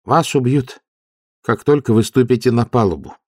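A man's voice: medium pitch, animated, moderate pace, darkish tone, dry recording, clean studio sound, voice pushed up, close to an everyday voice. A man reading an audiobook, voicing a cautious older refugee man who speaks impassively and warily. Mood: wary. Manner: impassive, wary.

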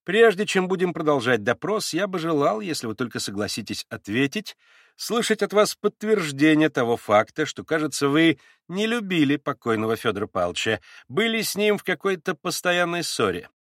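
A man reading aloud and voicing a formal investigator who questions in a measured, deliberately calm way. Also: on the high side, dry recording, studio quality, voice pushed up.

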